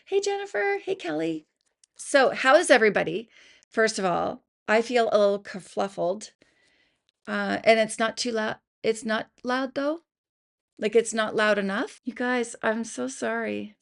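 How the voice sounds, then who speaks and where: A Canadian beauty vlogger in her fifties, with a gravelly, rather high voice, speaks a little slowly while greeting viewers on a casual livestream from her basement home studio. She overshares and apologizes, using her computer's built-in mic rather than good equipment.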